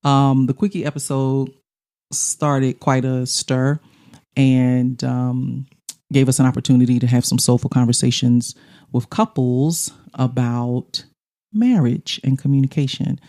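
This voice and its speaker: Woman, middle-aged, podcast co-host, talkative, quick to laugh, mellow tone. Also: a bass voice. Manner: lively, talkative, laughs often. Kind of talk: casual podcast chat. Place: studio.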